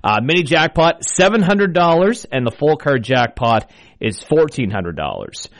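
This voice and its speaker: Animated male bingo caller. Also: on the high side, moderate pace. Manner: repeats each call, formulaic. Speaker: radio bingo caller and host. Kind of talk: bingo calling, live radio announcing. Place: radio studio.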